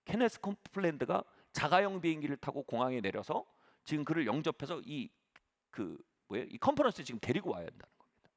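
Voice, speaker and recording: A man's voice: on the high side, vocal fry. A middle-aged man preaching a sermon as pastor, telling a story with sudden emphatic rises.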